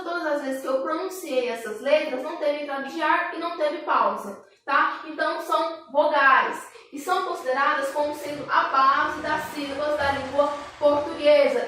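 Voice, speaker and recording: A woman teacher giving a patient online grammar lesson, spelling out sounds and words slowly and checking in with tag questions. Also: sits high, bright, forceful tone. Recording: echoey room, distant mic, faint hiss.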